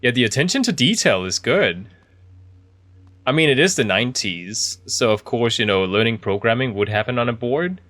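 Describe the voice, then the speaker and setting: A man's voice: mid-range voice, animated, moderate pace, a bit bright, dry recording. A man giving casual video game commentary, thinking aloud in a chatty, easily impressed way. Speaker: video game streamer playing an indie horror game.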